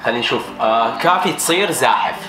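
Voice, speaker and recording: Fast-talking man with Iraqi Arabic accent. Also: medium pitch, lively intonation, sharp tone. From Iraq. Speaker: quizzer in a dialect challenge. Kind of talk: casual chat, word-guessing challenge. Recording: echoey room, music behind.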